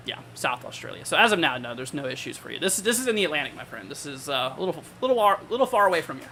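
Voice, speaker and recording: Bright, higher-voiced man giving casual weather commentary. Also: big pitch swings, racing, slight background noise. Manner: informal, conversational, thinking aloud. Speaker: weather livestream host.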